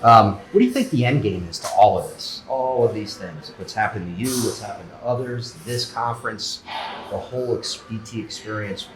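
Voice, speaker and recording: A man's voice: fairly low pitch, lively intonation, normal speed, reverberant, noisy background. A man interviewing a guest, feeling his way through his questions and rephrasing them as he goes. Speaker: interviewer, podcast host. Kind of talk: conversational interview.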